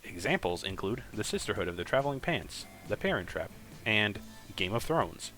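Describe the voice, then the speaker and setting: Stilted formal robot camper, deep-ish and bright; a man doing it. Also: sing-song, moderate pace, soft background music. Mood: earnest.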